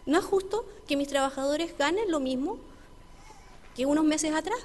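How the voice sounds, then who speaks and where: A woman pastor voicing a sincere, grateful male restaurant owner in a sermon story, louder and more animated than her narration. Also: high voice, moderate pace, voice pushed up. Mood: eager. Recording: reverberant church hall with faint ambience.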